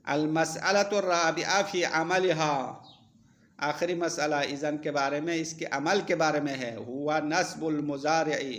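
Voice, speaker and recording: A man's voice: fairly high pitch, a bit bright. A male seminary teacher gives a classroom lecture. He reads Arabic text aloud, explains each line, and asks the students questions.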